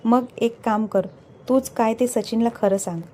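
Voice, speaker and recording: A woman's voice: a little high, steady tone, normal speed, mellow, a little hiss or hum, lightly acted. A woman voicing an older father-in-law with a dry, sarcastic manner.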